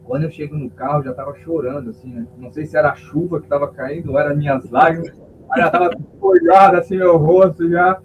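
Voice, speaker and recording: Speaking briskly in a steady, higher-leaning voice, this pastor recounts an emotional testimony during a podcast interview and performs the voices of the people involved. A faint hum runs under the thin, phone-like sound.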